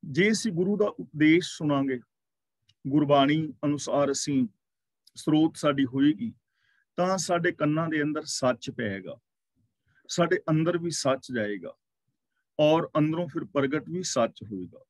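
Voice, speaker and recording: A man teaching a scripture class, reciting verses slowly and then explaining their meaning word by word. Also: a little high, expressive, dry recording.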